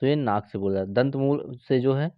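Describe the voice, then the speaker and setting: A man teaching an exam-prep Hindi grammar lesson, explaining step by step and slowly sounding out each letter with drawn-out vowels. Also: medium pitch, dry recording, lo-fi sound. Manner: drawn-out demonstration sounds with frequent fillers.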